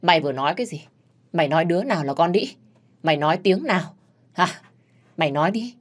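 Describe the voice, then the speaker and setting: A fierce, hot-tempered young servant woman who answers with rough threats, played by a woman storyteller. She speaks, in a somewhat low voice that turns quick and loud. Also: lively intonation. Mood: raging.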